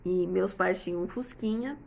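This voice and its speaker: A woman in her fifties, hosting and answering viewer comments, gives casual parenting advice full of everyday examples and frequent "né?" tag questions. Her voice is on the low side, gravelly and a little mellow, at a moderate pace, with slight background noise.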